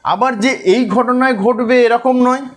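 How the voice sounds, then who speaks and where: A man with a high voice gives a school physics lesson. He goes through each step with care and keeps checking that his pupils follow. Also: flat delivery, normal speed. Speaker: teacher.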